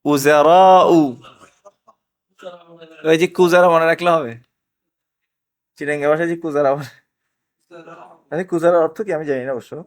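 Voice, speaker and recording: A man's voice: a little high, fairly even intonation, unhurried, long pauses. A middle-aged man teaching a classroom language lesson, patiently drilling and questioning his students. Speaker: Arabic teacher.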